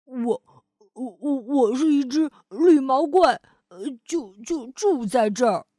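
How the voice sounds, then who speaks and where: A woman's voice: sits high, expressive, slow, warm tone, dry recording, clean studio sound, heavily acted. A woman voicing a big, timid male green monster in a children's storybook, stammering and hesitant. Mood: scared stammering. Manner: stammering, hesitant with many filler sounds.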